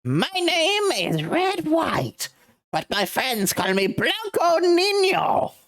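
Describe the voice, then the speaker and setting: A woman's voice: high-pitched, huge pitch swings, slow pace, pitched above the performer's own voice, full character voice. A woman voicing a pompous, self-important male company boss, drawing out grand words for a live-streamed game script reading.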